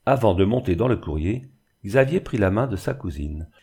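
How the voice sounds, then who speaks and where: A man giving a measured, expressive scripted narration of a classic novel as an audiobook reader. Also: on the low side, slightly rough.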